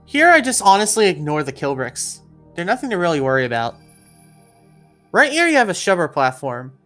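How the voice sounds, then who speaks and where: A woman's voice: fairly low pitch, big pitch swings, fairly quick, a bit bright, soft background music. A woman narrating an instructional video game walkthrough in a step-by-step, directive way, as a guide for players. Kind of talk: instructional gameplay walkthrough voice-over.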